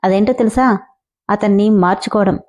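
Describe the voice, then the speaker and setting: A woman's voice: medium pitch, normal speed, darkish tone, natural voice. A woman voicing a young wife's inner conscience that lectures her in a matter-of-fact way. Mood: lecturing.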